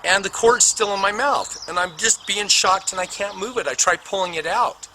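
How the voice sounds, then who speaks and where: A middle-aged man telling his own near-death story as a personal testimony, animated and dramatic, with spoken sound effects. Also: high voice, moderate pace, rough recording. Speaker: speaker recounting a near-death experience. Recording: noticeable background noise.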